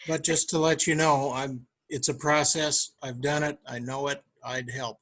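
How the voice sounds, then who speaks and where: Low-voiced man on a video call. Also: flat delivery, moderate pace, a bit bright. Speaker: audience member.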